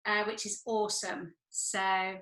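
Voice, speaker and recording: Bright-voiced British woman in an echoey space. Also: mid-range voice, little pitch movement, unhurried. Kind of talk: casual chat.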